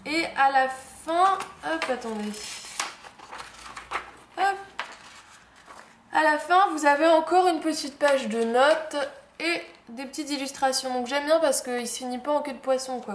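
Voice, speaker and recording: A woman's voice: high voice, a little slow, pauses often. A young woman chatting casually through a planner unboxing, fond of the cute details and saying "hop" as she turns each page. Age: young adult. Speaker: planner vlogger. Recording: echoey room with faint noise.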